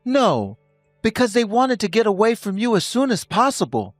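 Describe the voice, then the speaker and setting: A man in his fifties voicing a stern husband who speaks calmly and coldly, lecturing his wife. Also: high-pitched, moderate pace, dry recording, clean studio sound, faint music behind. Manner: calm, cold and lecturing. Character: stern husband ending a toxic marriage.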